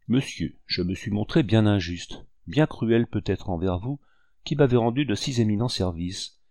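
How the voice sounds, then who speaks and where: A man reading a novel aloud and voicing a gracious young woman of standing, speaking gently. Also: on the low side, animated, moderate pace, no echo, clean studio sound. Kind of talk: audiobook reading.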